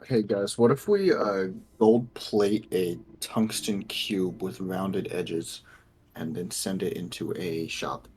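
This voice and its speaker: A man's voice: low voice, slow, darkish tone, slight background noise. A man chatting casually and joking with friends as he plays a game. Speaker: player in a group gaming session.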